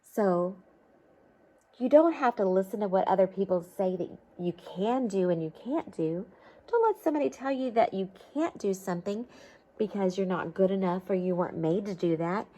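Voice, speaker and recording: With a mid-range voice and a dark tone, a woman performs an expressive read-aloud of a picture book for children. Along the way she makes chatty asides, giving simple encouraging explanations and checking questions.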